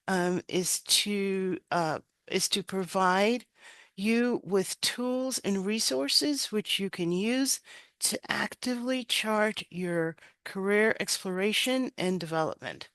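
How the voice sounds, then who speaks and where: A middle-aged woman hosting a webinar on a video call headset, speaking haltingly with frequent pauses. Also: mid-range voice, a bit bright, dry recording. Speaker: webinar host.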